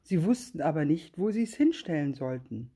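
Woman reading a fairy tale, low and warm, calm and even. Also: normal speed, breathy edge. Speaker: storyteller.

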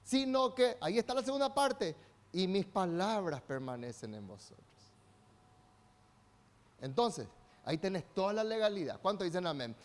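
A man preaching a sermon as pastor, calling out to the congregation for responses and swinging between soft asides and loud exhortation. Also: high voice, big pitch swings, normal speed, long pauses.

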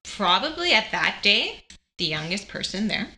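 In casual conversation, a young female guest recounts her experience with cancer, her voice medium in pitch and her speed normal. She's lively throughout and performs the voices of anyone she quotes.

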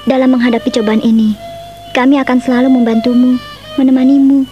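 A woman's voice: high-pitched, level tone, brisk, dull audio, soft background music, natural voice. A woman playing a soothing young friend. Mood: encouraging. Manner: soothing, encouraging. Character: kind young female friend, steady.

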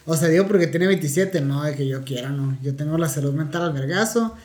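A man's voice: on the high side, brisk, darkish tone, echoey room. A man with a Mexican accent hosting a casual podcast, joking in heavy slang and telling stories. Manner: joking, slangy, tells anecdotes with acted quotes. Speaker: podcast host.

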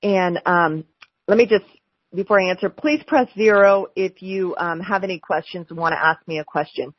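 Husky American woman on a dull phone line. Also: lowish voice, moderate pace, no room sound. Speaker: city council member running for mayor, hosting a town hall. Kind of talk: live telephone town hall, campaign talk. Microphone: telephone.

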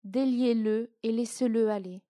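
A woman voicing a grave, calm male teacher of faith in a slow, solemn reading. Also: a little high, dry recording, studio quality, lightly acted.

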